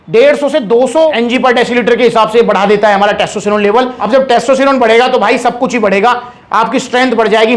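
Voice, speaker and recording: A man with a Haryanvi Hindi accent, talking casually as a supplement shop host and calling his viewers brother. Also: extremely high pitch. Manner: chatty, addresses viewers as brother. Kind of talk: casual explainer.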